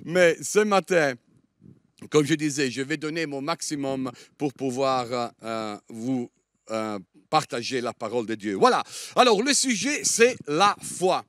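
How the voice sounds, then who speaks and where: A middle-aged Italian man, a guest preacher, delivers a sermon in French with an Italian accent tinged by Liège, frequently pausing on "euh" while hunting for words. His mid-range voice is animated, slightly slow and a bit bright. The recording is studio quality with no room sound.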